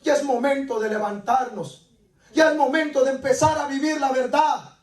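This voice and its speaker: A man with an extremely high-pitched, darkish voice preaches a sermon at a moderate pace, framing it as dramatic personal testimony. He repeats his phrases with insistent emphasis, captured by a distant microphone in an echoey room.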